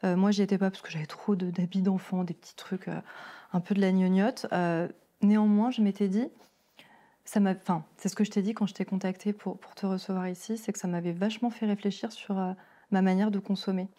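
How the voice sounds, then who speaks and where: A woman's voice: medium pitch, fairly even intonation, a little fast, warm tone. A woman hosting a podcast interview, rambling and hesitant with many fillers and small laughs. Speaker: podcast host. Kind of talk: casual interview.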